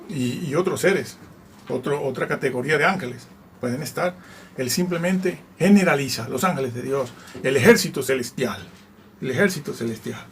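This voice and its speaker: Gravelly-voiced man teaching the Bible. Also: medium pitch, slight background noise. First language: Spanish. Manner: digressive, asks listeners for agreement with frequent tag questions; reads scripture aloud and comments on it.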